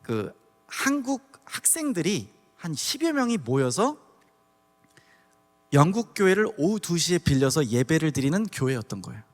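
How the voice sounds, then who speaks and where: A man from Daegu giving a testimony sermon at a church service, telling his story in an animated way and acting out the scenes. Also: a little high, normal speed. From Daegu, South Korea. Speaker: guest preacher. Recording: long church hall reverb.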